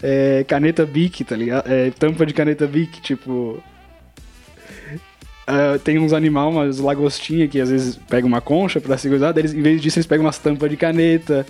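A man's voice: on the high side, steady tone, brisk, darkish tone, soft background music. A young man co-hosting a casual podcast, teasing his co-host and laughing often.

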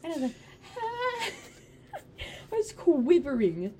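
Young woman, podcast co-host, slightly high voice, animated storyteller, faint background hiss. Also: moderate pace. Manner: animated storytelling, acts out her younger self. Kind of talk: casual chat.

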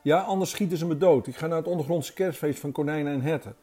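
A talking deer delivers warnings with grave, pressing earnestness, as a male narrator puts him on. The voice sits a touch higher and fuller than the storyteller's own, mellow and warm underneath. A faint bed of music hums behind. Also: quick pace, slightly rough. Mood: urgent.

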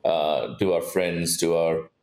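A man's voice: low-pitched, level tone, slow, a little mellow. A man from India co-hosting a casual podcast chat, earnest and advising, with many fillers. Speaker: podcast co-host. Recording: roomy echo.

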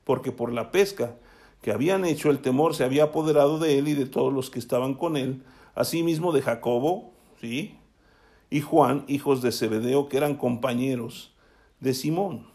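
In a warm, mid-range voice, a preacher reads a Bible passage aloud and then talks it through conversationally. Short tag questions keep his listeners engaged throughout the sermon.

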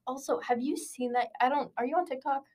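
A young woman with a fairly high voice chats on a casual podcast she co-hosts. She giggles often and fills her talk with "like". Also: brisk, darkish tone. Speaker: podcast co-host. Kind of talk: casual chat.

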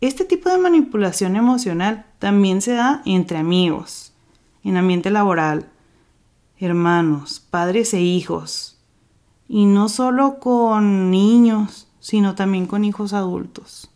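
A Mexican woman talks casually on her own podcast. She uses loose slang and drops into quick acted-out exchanges as she explains. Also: mid-range voice, darkish tone. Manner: slangy, chatty, acts out quoted dialogue. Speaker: podcast host. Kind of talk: casual solo podcast talk.

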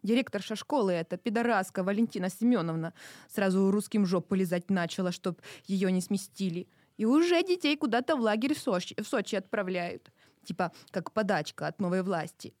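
A woman playing an anxious old mother in an audio drama, her voice soft and breathy, almost whispered, rising high when she pleads. The sound is dry and close. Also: expressive, fairly quick, no echo, natural voice. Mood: pleading. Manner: soft, hushed, half-whispered. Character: older worried mother, pleading, tearful.

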